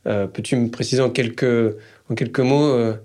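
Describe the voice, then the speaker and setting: A man's voice: medium pitch, fairly even intonation, normal speed, a little mellow. A man interviewing a guest, chatty and asking leading questions.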